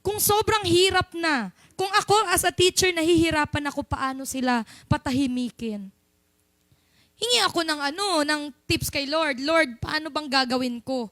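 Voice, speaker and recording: Young Filipino woman, church speaker, high-pitched, chatty and teasing, dry mic. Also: moderate pace, a bit bright, no room sound. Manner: chatty, playful, mixes English into Filipino. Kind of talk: sermon.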